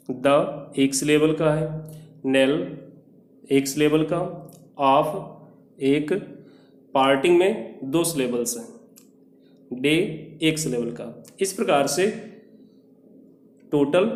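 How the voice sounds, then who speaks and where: A man teaching a poem, reading the English lines very slowly and then explaining each one. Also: a little high, darkish tone, echoey room.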